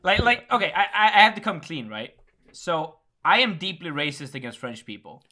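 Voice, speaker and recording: A man from the Netherlands speaking English with a slight Swedish-tinged accent, a podcast guest in casual chat who talks excitably and swears a lot. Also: a little high, moderate pace.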